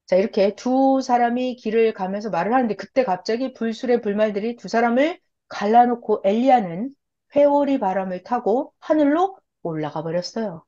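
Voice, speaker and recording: A woman's voice: fairly high pitch, moderate pace. A woman preacher retelling a Bible story in a sermon and acting out the characters' lines. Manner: acts out the characters' lines in lively voices. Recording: dull lo-fi recording.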